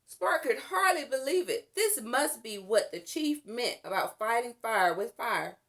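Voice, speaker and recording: A storybook reader, she has a somewhat high voice. She narrates a children's tale with careful pacing and lots of expression.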